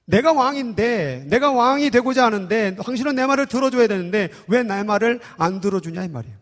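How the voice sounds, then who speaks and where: A man in his thirties leads a church sermon as pastor. His voice sits high for a man and carries through a large hall with a long reverb. He speaks conversationally and keeps prodding the congregation with playful questions. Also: expressive, brisk. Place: church sanctuary.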